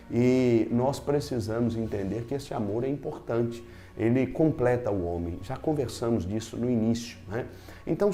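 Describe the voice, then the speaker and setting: A man's voice: mid-range voice, mellow. A man teaching a Bible lesson, explaining each point step by step with emphasis.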